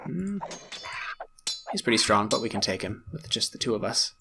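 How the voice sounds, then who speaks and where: Guy chatting through a strategy game playthrough, gravelly voice, talking to himself, self-mocking. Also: fairly low pitch, big pitch swings, moderate pace, background noise. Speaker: gaming YouTuber. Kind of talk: casual let's-play commentary.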